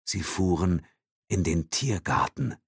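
A man narrating a thriller audiobook in a dramatic, expressive reading. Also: deep voice, takes it slowly, breathy edge, no echo, clean studio sound.

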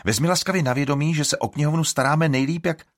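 A man's voice: mid-range voice, sing-song, a bit bright, husky, no room sound, studio quality, pitched above the performer's own voice, full character voice. A man voicing a stern, threatening old village herb woman in an audiobook.

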